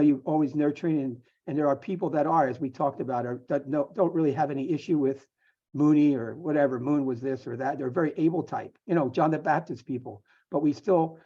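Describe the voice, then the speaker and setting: A man with a dark, husky voice rambles through a devotional reflection, leaning on fillers. The call audio is dull and lo-fi. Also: on the high side. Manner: rambling, full of "you know" fillers. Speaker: participant sharing a reflection. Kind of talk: casual devotional sharing.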